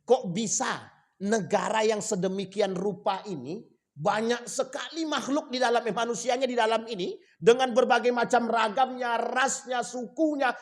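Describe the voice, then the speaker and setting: A man delivering a sermon in a fairly high voice. He talks directly to his listeners with rhetorical questions, climbing to loud emphatic peaks and then dropping to low, quiet stretches. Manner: lively, swings between loud emphatic rises and low quiet drops. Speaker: preacher.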